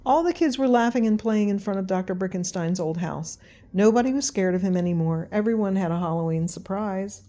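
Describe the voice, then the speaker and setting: A woman's voice: mid-range voice, brisk, mellow. An older woman, a grandmother, reading a children's story aloud as narrator.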